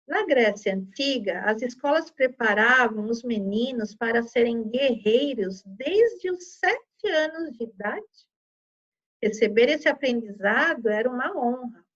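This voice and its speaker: A woman's voice: on the high side, dull audio. A woman teaching children a lesson, patiently explaining step by step and checking in often. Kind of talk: online Portuguese lesson for children.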